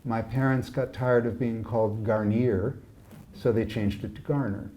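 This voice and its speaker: A man's voice: fairly low pitch, fairly even intonation, a little slow, mellow, natural voice. A man voicing a reserved young saleswoman who speaks politely, with guarded, dry wit.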